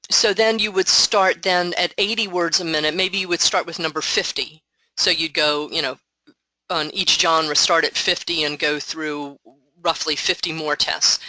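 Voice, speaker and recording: A woman walking a group through software on an online call through her headset. Her voice is bright and bold, and her patient explanations are dry and close. She thinks aloud as she goes. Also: fairly low pitch, no room sound, low-quality recording. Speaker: software trainer. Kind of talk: online meeting walkthrough.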